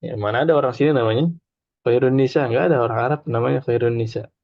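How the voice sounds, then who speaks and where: A man's voice: medium pitch, fast talker, creaky, dry recording. A man teaching an informal Arabic class, chatty, explaining with examples and having students repeat after him. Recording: dull lo-fi dry recording.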